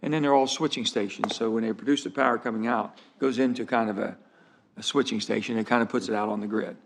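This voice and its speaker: A man's voice: lowish voice, steady tone, fast, creaky, background noise. A man questioning a witness as a senator in a hearing room, rambling and hesitant, with many fillers as he builds up his question.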